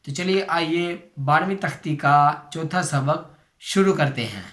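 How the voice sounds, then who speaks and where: A man with a Pakistani Urdu accent teaching children to read the Quran, slowly spelling out and repeating each syllable for his students. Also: a little high, fairly bright tone. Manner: addresses viewers as students. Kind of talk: slow recitation lesson for children.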